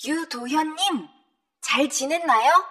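A woman's voice: high voice, slow pace, voice pushed up. A woman voicing Libo, a friendly and polite library service robot, in an audiobook. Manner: polite, even service-announcement delivery.

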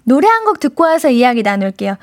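A woman's voice: high-pitched, very animated, fast talker. A woman hosting a live radio show, reading listener messages in a playful, teasing way and slipping into cute baby-talk. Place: radio studio. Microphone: studio microphone.

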